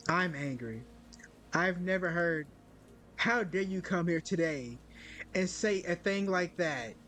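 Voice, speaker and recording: A man reading the lines of a stern, cold woman in a story game, a bit lower and clipped. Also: expressive, takes it slowly, pushed and bright, exaggerated voice.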